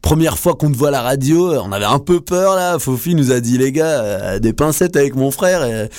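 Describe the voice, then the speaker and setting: A man's voice: medium pitch, lively intonation, a little fast, darkish tone, no echo. A man co-hosting a radio show, joking and slangy, hesitating with many fillers. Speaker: radio co-host. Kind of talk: casual radio chat.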